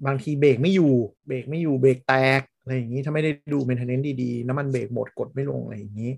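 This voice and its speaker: A man chatting casually on a podcast, rambling through his points with loose fillers and frequent laughs. His voice sits at an ordinary pitch and sounds close and dry, with no room around it. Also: fast talker, creaky, darkish tone, slightly rough, no room sound. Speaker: podcast co-host. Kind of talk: casual chat.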